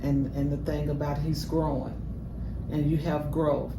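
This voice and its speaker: A woman's voice: low voice, level tone, unhurried. An older woman speaks casually and reflectively, offering earnest advice as she reacts. She sounds set back from the microphone in an echoey room, with heavy noise around her voice. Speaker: reaction show co-host. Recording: roomy, distant mic with heavy noise.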